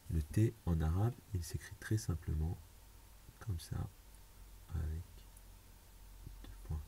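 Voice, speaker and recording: Very deep, slow-spoken man teaching patiently. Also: dark tone, a little hiss or hum. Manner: patient, repeats each step plainly. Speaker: Arabic teacher. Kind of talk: slow step-by-step lesson.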